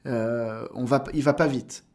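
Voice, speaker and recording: A man's voice: medium pitch, steady tone, measured pace, darkish tone. A man in his thirties, a voice actor guest on a casual podcast, explaining at length with frequent hesitations and fillers.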